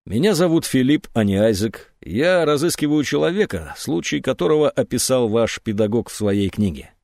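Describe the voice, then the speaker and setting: A man voicing a calm, cunning man posing as a psychiatric patient in an audiobook. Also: mid-range voice, normal speed, creaky, no room sound, clean studio sound. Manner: calm, unruffled.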